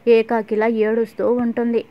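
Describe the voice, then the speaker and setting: A woman narrating a TV serial recap in a steady storytelling manner, in a dull lo-fi recording. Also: fairly high pitch, normal speed.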